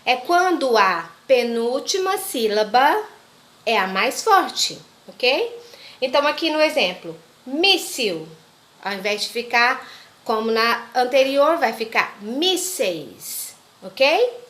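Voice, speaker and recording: A woman teaching a grammar lesson for children, her voice sitting high. She takes her time, speaking slowly and drawing out each example word. She checks in with the class again and again. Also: sing-song, fairly bright tone. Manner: patient, repeats examples slowly, asks "ok?" often.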